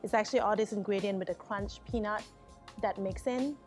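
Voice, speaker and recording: In a restaurant bar kitchen, a woman from Thailand gives a cooking demonstration, walking through each step with light laughs and a Thai accent. She talks fairly quickly in a medium-pitched, darkish voice, with soft music playing behind her.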